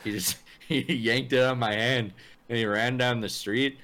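A man's voice: mid-range voice, steady tone, moderate pace, a little hiss or hum. A young man in casual crude chat, telling rambling stories and acting out the people in them. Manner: rambling storyteller, acts out quotes loudly.

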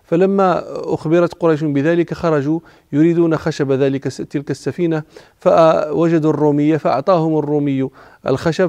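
This Moroccan religious teacher gives a classical Arabic lecture on the Prophet's life, glossing archaic words along the way and frequently restarting words. His voice is fairly high and slightly mellow, recorded dry with a dull sound.

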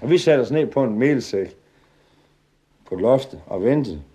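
A man's voice: mid-range voice, expressive, dark tone. Man telling a comic story. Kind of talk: comic storytelling to a live audience.

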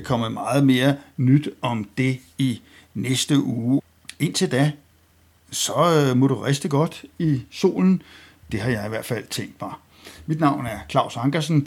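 A man's voice: medium pitch, gravelly, slightly rough. A man hosting a weekly satirical news roast, mocking and ironic, rambling with fillers and restarts.

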